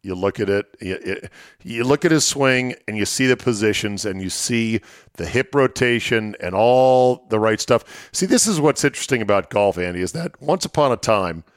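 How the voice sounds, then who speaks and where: A man's voice: on the low side, lively intonation, moderate pace, no room sound, clean studio sound. A middle-aged man hosting casual sports talk, explaining things in short, listed phrases.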